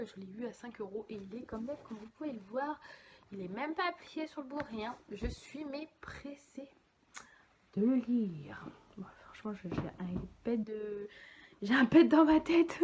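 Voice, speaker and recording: A young woman chatting casually about books, lively and rambling, with many fillers and self-corrections. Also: mid-range voice, a little hiss or hum. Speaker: book vlogger. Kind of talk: casual chat.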